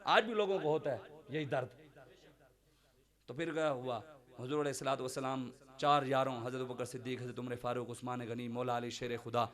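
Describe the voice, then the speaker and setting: A man with a Punjabi accent preaching a sermon at a devotional gathering, fervent, moving between loud declarations and hushed storytelling. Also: medium pitch, steady tone.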